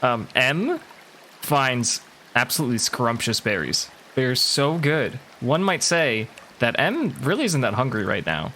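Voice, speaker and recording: A man's voice: medium pitch, sharp tone, a little hiss or hum. A man narrating casually as game master of a tabletop game. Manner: casual, loose narration with fillers.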